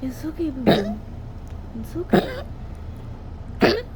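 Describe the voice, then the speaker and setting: A woman tenderly reassuring a pet in short, repeated soothing phrases, in a casual home video. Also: slow pace. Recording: loud steady rumbling background noise.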